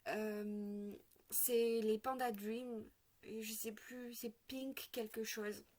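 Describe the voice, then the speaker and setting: A woman's voice: on the high side, flat delivery, slow pace, a little mellow. A woman chatting through a casual makeup tutorial, hesitant with lots of fillers, a bit sick. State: sick, occasional coughing. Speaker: makeup vlogger.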